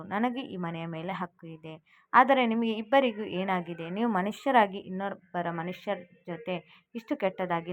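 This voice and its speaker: Storybook heroine, a fiery young daughter voiced by a woman, higher and louder than the narration. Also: lightly acted. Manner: pleading, then indignant. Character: young married daughter, loving, hot-tempered.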